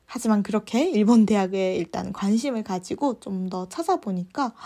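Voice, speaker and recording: A woman's voice: mid-range voice, mellow, breathy edge. A young woman in her twenties telling a personal story in a chatty vlog, acting out the lines she quotes. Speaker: vlogger.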